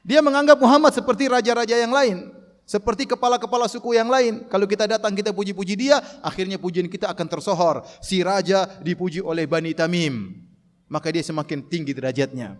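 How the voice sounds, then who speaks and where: A man giving an animated sermon on Quranic commentary, reciting Arabic verses slowly and raising his voice to mimic people shouting. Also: sits high. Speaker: preacher. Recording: long hall reverb.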